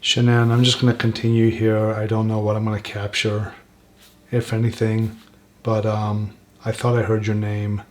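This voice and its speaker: A soft-spoken man hosting a spirit box session, asking gentle questions slowly and leaving pauses for an answer. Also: fairly low pitch, completely flat delivery. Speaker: paranormal investigator, host.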